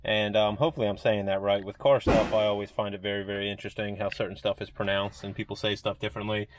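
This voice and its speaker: A man's voice: fairly low pitch, flat delivery, quick pace, background noise. A man narrating a casual vlog in a garage, thinking aloud as he explains a car problem with frequent "um" fillers. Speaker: car shop owner and vlogger. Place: auto garage.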